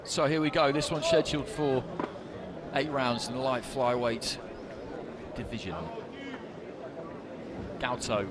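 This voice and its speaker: A man giving live boxing commentary in a measured, conversational way. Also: medium pitch, steady tone. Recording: loud venue noise behind commentary.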